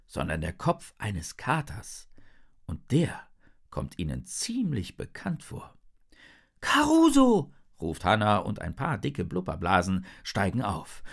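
A man narrating a children's storybook in a lively, playful way. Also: on the low side, creaky.

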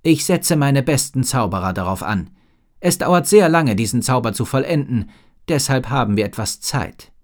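A man's voice: mid-range voice, lively intonation, normal speed, voice pushed up, lightly acted. A man reading a storybook and voicing a thoughtful male wizard who gives firm orders. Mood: commanding.

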